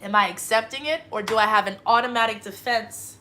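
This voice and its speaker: A woman's voice: fairly high pitch, brisk, sharp tone. A woman hosting a livestream, giving a rambling spiritual monologue full of swearing and emphatic bursts. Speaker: livestream host.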